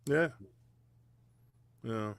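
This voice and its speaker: A man's voice: extremely slow, fairly bright tone, no echo. A middle-aged man co-hosting a casual sports talk show, telling loose, slangy stories and laughing easily. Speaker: co-host.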